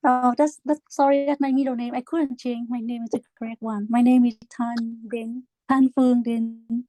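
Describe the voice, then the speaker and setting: Soft, mellow, high woman on a call. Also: level tone, rough recording. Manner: slow, careful. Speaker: tour participant. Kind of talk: video call introduction. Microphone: video call.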